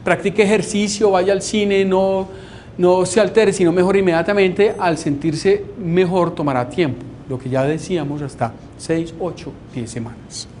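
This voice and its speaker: A man's voice: sits high, fairly even intonation, normal speed, a little mellow, slight background noise. Wry Colombian man giving a lecture. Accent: Colombian Spanish. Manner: conversational and wry, often checking in with "¿sí?". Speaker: doctor treating depression. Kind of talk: informal lecture on depression.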